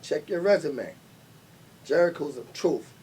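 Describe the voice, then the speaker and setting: New promoter guy, slangy and braggy, sounds a bit off-mic with faint rumble behind. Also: expressive, measured pace, a little mellow, recorded from a distance. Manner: streetwise slang, boastful, repeats "you know". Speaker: event promoter and guest. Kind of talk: casual interview chat.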